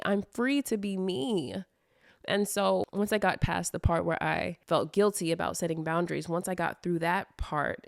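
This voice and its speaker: A woman's voice: fairly low pitch, gravelly, no echo, studio quality. A young woman in a casual personal vlog, talking candidly and upbeat about her affirmations, laughing and swearing at times, and reading them aloud as a list. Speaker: affirmations vlogger.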